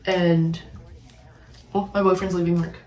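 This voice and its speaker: A woman's voice: on the low side, level tone, unhurried, a little mellow, a little hiss or hum. A young woman vlogger telling a storytime rant about her ex, blunt and sarcastic, swearing freely with bitter laughs. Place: at home, dyeing her hair. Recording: roomy, distant from mic, faint music behind.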